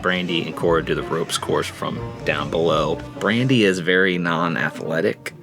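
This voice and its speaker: A man narrating a family travel vlog in an even, measured voice-over. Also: low voice. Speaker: vlogger, father, narrator. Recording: background music under voice.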